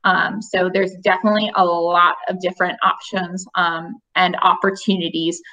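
This young woman works in college admissions and handles webinar questions on a video call through a webcam, chatty and explanatory with lots of fillers. Her voice is on the low side, pushed and bright, with little pitch movement and a moderate pace. The audio sounds dull.

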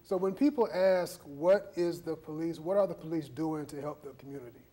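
A man's voice: fairly high pitch, fairly quick, mellow. A man, hosting a TV studio interview on a lapel mic, affirming his guests and summing up their points. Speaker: TV talk show host. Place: TV studio set.

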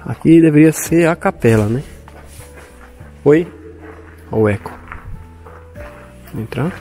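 A man on a walking tour of ruins points things out to his viewers. His voice echoes off the stone walls of the chapel he has stepped into, and music plays clearly underneath. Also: a little high, expressive, slow pace, dark tone. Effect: echoing off the walls of a stone chapel. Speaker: vlogger touring ruins. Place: ruined stone chapel, indoors.

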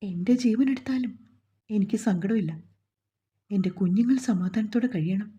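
A fretful, loving mother, voiced by a woman storyteller soothes and pleads in a mellow, breathy voice. The recording sounds dull and lo-fi. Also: medium pitch, moderate pace, close to an everyday voice. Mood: tearful prayer. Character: anxious, loving middle-aged mother comforting her daughter.

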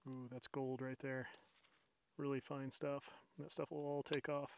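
Speaking into a camera mic, with a body cam and a tripod-mounted camera rolling, a middle-aged outdoors host walks viewers through his camping gear at a mountain campsite, chatty and poking fun at himself. His mid-range voice is flat, a little slow, creaky and slightly mellow, with a clean tone.

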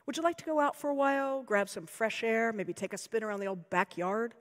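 A woman's voice: a little high, a little fast, voice pushed up, lightly acted. Woman reading as a nervous, fumbling young boy. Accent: American. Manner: hesitant, fumbling. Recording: long hall reverb.

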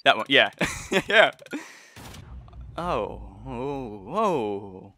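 Excitable young gamer guy, bright voice. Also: medium pitch, drawn-out words. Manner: excitable, swears and laughs while playing. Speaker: gaming YouTuber. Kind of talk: casual gameplay commentary.

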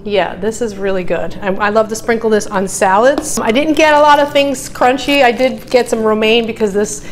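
A woman's voice: a little high, normal speed, hardly any pauses, a little hiss or hum. A middle-aged woman vlogging casually, talking through her grocery haul with frequent ums and uhs, first on a phone held at arm's length and then in her home kitchen. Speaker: health vlogger. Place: parking lot outdoors, then home kitchen. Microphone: phone at arm's length, then camera on a stand.

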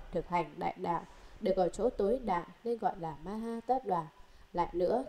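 A woman giving a steady, measured recitation of a Buddhist treatise, reading long lists in an even way. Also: mid-range voice. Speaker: scripture reader. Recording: echoey room.

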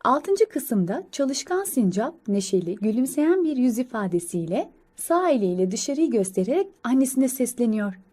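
A woman reading an audio description of a children's comic, slow, careful and even. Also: a little high.

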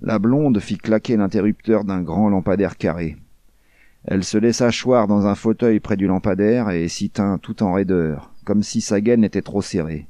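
Deadpan man reading a crime novel. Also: lowish voice, normal speed, no echo. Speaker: audiobook reader. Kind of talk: scripted first-person crime narration.

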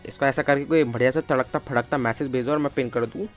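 A man streaming a mobile game live, chatting with viewers and calling out to teammates, with bursts of excited shouting. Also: medium pitch, fast talker, soft background music. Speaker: gaming streamer. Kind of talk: casual live game commentary.

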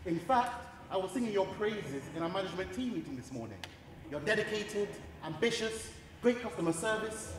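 A man playing an upbeat, lively gym manager. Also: sits high, fairly quick, background noise. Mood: encouraging. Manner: encouraging, playful. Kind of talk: stage play acting. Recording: echoey hall with long reverb.

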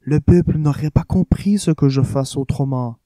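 A man voicing a calm, confiding middle-aged politician who schemes. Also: a little high, normal speed, no room sound, studio quality, natural voice.

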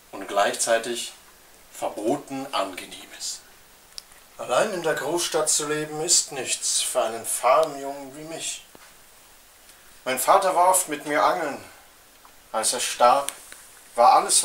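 Paranoid noir detective on the run, played by a man, melodramatic, slow and loud, recorded away from the mic. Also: mid-range voice. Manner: melodramatic, bellowing outbursts. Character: paranoid, gun-loving private detective on the run. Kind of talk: amateur film noir acting. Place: living room, indoors. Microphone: camera mic at a distance. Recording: echoey room, distant mic, noisy.

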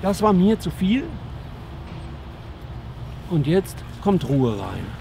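A man who works as a dog trainer, giving lively casual commentary outdoors as he talks to the dogs and to his viewers. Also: sits high, takes it slowly, creaky, a little hiss or hum.

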